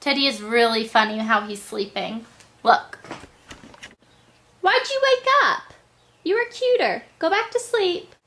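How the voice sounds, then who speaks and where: A woman's voice: fairly high pitch, animated, normal speed, pushed and bright. A young woman with a stuffy, congested nose, chatting casually through a beauty tutorial with frequent ums. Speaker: beauty vlogger.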